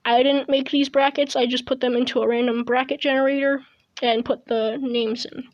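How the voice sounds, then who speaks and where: Woman, high voice, hesitant commentary on a game, chewing gum, earbud mic at home. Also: level tone, normal speed, highs cut off. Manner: rambling, hesitant, many restarts. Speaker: gaming video host. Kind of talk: casual gameplay commentary. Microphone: earbud headset mic.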